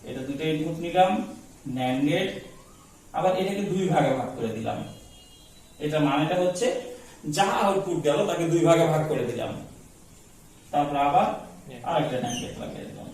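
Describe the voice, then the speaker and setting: A man's voice: fairly high pitch, lively intonation, moderate pace, long pauses, darkish tone. Man teaching in an echoey classroom. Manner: quizzing students with call-and-response questions. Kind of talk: classroom lecture. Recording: echoey room, far from mic, faint noise.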